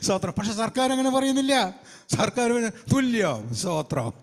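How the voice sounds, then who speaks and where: A man's voice: sits high, big pitch swings, brisk. A male evangelist preaching a fervent sermon, breaking in often with hallelujah and praise the Lord.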